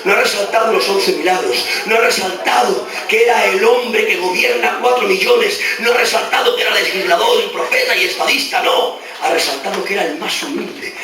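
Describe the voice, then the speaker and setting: A high-voiced Spanish preacher with a Spain accent, his lively delivery swinging from shouts to near whispers. The sound comes from an old cassette dictaphone recording made far from the pulpit in a large church hall. Heavy echo fills the hall, and clear music runs behind him. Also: brisk, hardly any pauses. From Spain, Extremadura. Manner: dramatic, swings from shouting to hushed low tones. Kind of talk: Pentecostal-style sermon. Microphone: handheld dictaphone in the congregation. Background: music and congregation responses.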